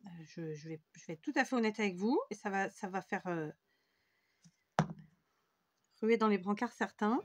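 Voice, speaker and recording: In a dry recording, a French woman hosting a scrapbooking tutorial speaks briskly at medium pitch. She works at her craft table as she talks, rambling along with plenty of self-mockery.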